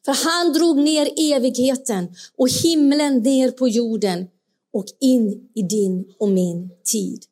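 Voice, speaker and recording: Woman preacher, earnest, slightly high voice, asks the congregation questions. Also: warm tone. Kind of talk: sermon.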